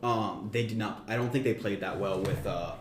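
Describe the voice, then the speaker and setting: A man co-hosting a podcast, pitching a story idea in a meandering, self-correcting casual chat. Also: normal speed. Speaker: podcast co-host. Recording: roomy echo, faint background noise.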